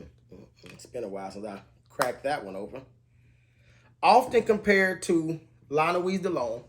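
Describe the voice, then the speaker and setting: In a slightly high voice, a man gives a laid-back on-camera review of budget fragrances. He runs through the scent notes at a steady cadence.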